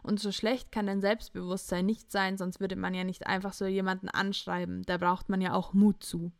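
A woman's voice: mid-range voice, normal speed, creaky, no room sound, clean studio sound. A young woman hosting a casual podcast, animatedly retelling a chat conversation and acting out both sides. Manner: animated storytelling, quoting texts in chats. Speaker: podcast host.

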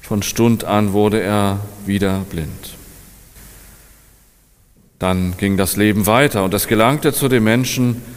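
Guy reading a fairy tale really slow, lowish voice, long hall echo. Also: fairly even intonation, clear, resonant tone. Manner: slow, measured storytelling. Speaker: narrator. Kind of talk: read-aloud fairy tale narration.

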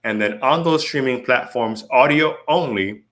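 A man's voice: mid-range voice, moderate pace, a bit bright. A man hosting his podcast, talking in a casual, playful hype style and often tossing in "right?" and "you know what I mean". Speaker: podcast host.

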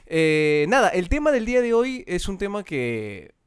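A man's voice: sits high, big pitch swings, unhurried, clear, resonant tone, no room sound, studio quality. A man hosting a casual live chat as a voice acting teacher, full of teasing asides.

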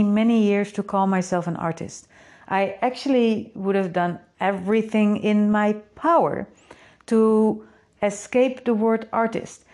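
A woman with a slightly mellow mid-range voice and a Dutch accent, Dutch being her native language, addresses her creative community alone. She is an artist and the community's host, and she reflects thoughtfully, often asking rhetorical questions and adding "right?".

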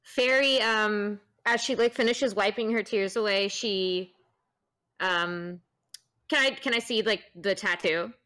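A woman with a bright, sharp voice playing a tabletop game. She talks slowly and hesitantly, pausing often with ums as she describes her character. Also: mid-range voice. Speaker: player. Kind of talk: casual tabletop game play.

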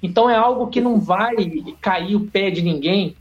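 A Brazilian biologist, a man, talking as a podcast guest in an animated, slangy, emphatic way. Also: high voice, moderate pace. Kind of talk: casual podcast chat. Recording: dull lo-fi audio with faint music.

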